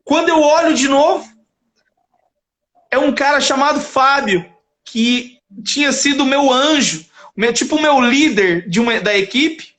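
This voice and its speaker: A man with a notably high voice shares his faith testimony as a guest in a live chat. He tells it with animation, acting out each exchange and breaking into laughter along the way. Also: a little slow. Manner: animated storyteller who acts out dialogue and laughs often.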